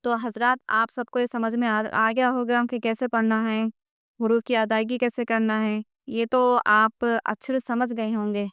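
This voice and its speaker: Clear woman teaching letter sounds. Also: a little high, little pitch movement, a bit bright, dry recording, clean studio sound. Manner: patient, repeats letters one by one and stresses throat sounds. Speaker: Quran reading teacher. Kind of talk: recorded lesson, reciting letters and explaining pronunciation.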